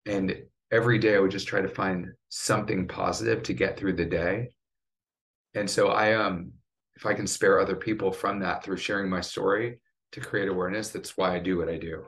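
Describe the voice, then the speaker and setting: Casting note: middle-aged male survivor, very low voice, earnest and emotional, driven tone. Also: creaky, fairly bright tone. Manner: earnest, choked up at times. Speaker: cancer survivor and patient advocate. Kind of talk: emotional podcast interview.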